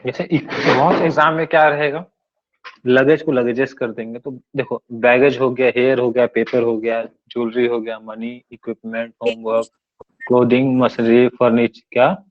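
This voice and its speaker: Male tutor at mid pitch, patiently walking students through grammar points and checking they follow; muffled recording. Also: little pitch movement, normal speed. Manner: explains step by step, checks understanding often. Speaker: English grammar teacher. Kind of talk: classroom grammar lesson. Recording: dull lo-fi recording.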